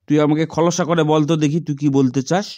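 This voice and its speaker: A man's voice: a little high, steady tone, fast, mellow, no echo, lightly acted. A man voicing an exasperated, scolding schoolmaster in a comedy cartoon, theatrical. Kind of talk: comic cartoon dialogue.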